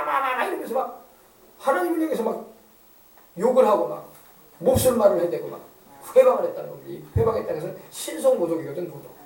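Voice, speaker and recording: A man's voice: high voice, dark tone, echoey room, recorded from a distance, low-quality recording. A male pastor preaching an emphatic sermon, often asking the congregation to agree. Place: church sanctuary.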